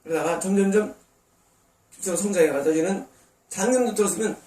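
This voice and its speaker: Male pastor, high voice, sermon with rhetorical questions, distant mic in an echoey sanctuary. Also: fast, a little mellow. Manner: preaching with rhetorical questions to the congregation. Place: church sanctuary.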